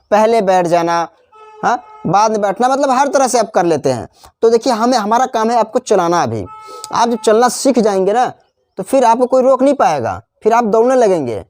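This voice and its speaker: A man teaching a spelling lesson. He spells out letters slowly, repeats each example word, and slips into chatty asides. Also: high-pitched, a little mellow, no room sound. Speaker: English teacher. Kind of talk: classroom-style spelling lesson.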